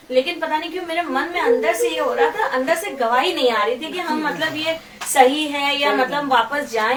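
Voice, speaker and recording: A middle-aged woman giving a testimony to a congregation, telling a story and quoting what others said. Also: sits high. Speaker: church member giving testimony. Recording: echoey room from far off, noisy.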